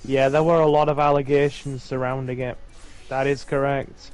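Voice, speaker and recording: A man's voice: mid-range voice, flat delivery, moderate pace, darkish tone. A man co-hosting a stream, chatting casually and reading viewer comments aloud. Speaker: co-host. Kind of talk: casual chat. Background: faint game music.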